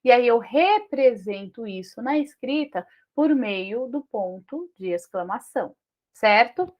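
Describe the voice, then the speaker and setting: A woman teacher with a Brazilian accent giving a lesson on punctuation, checking in with listeners through frequent tag questions and reading example sentences slowly. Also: on the high side, lively intonation, darkish tone. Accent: Brazilian Portuguese.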